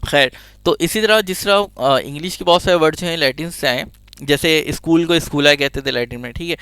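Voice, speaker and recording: A man's voice: fairly high pitch, a little fast, fairly bright tone, smooth, dry recording. A man giving a chatty science lesson, full of jokey asides and digressions. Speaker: teacher. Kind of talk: casual explanatory lecture.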